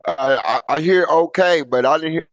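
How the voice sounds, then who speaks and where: A man speaks over a video call whose audio keeps breaking up and freezing. The line sounds dull and dry, with little room around his fairly high voice. He talks deferentially, like a defendant answering a judge. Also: moderate pace, no room sound. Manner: deferential, keeps saying yes ma'am. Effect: choppy video-call audio that keeps breaking up. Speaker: defendant on video link from jail.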